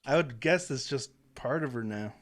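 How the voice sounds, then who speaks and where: A man from Wisconsin, mid-pitched, co-hosts a casual podcast. He retells things easily, with small laughs along the way. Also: moderate pace. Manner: relaxed, chuckling retelling. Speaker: podcast co-host. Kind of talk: casual chat.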